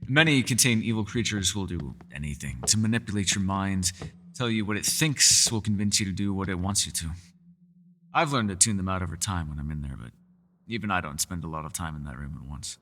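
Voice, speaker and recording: In a fantasy ASMR roleplay, a man voices a mysterious, powerful, secretive elf who speaks in measured, formal, old-fashioned phrasing, sometimes teasing and sometimes world-weary. Here his low voice is pushed and bright, and the mood is guarded yet earnest.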